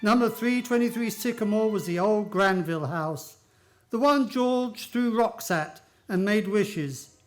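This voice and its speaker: A man's voice: sits high, unhurried, soft background music. A man playing a folksy storyteller who narrates a radio play as if chatting to a companion. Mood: folksy, fond.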